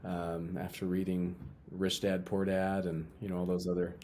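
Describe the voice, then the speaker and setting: A young man from Utah talks casually as an interview guest, with a low and mellow voice. He often goes back over his words and restarts phrases. A faint hiss of noise sits behind him. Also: little pitch movement, moderate pace.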